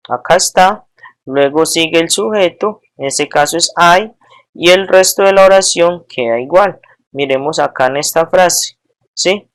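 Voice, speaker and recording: A teacher giving a recorded lesson, patiently explaining each form step by step and often checking with the class. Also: medium pitch. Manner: patient, checks understanding with frequent tag questions; spells out each form slowly and repeats it.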